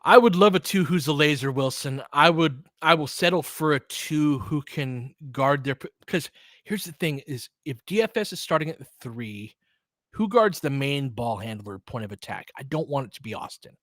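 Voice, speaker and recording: Here a man with a medium-pitched, slightly bright voice runs a laid-back live basketball broadcast. Chatting informally and with strong opinions, he mixes loose play-by-play with slang, and the studio sound is clean and echo-free.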